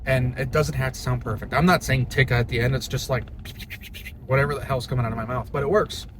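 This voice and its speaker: Low-pitched man, casual tutorial, noisy recording. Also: steady tone, brisk. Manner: plain-spoken, informal, mild swearing. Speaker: hobby duck caller giving a tutorial. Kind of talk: casual how-to talk to camera. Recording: noisy, with car and ambient noise.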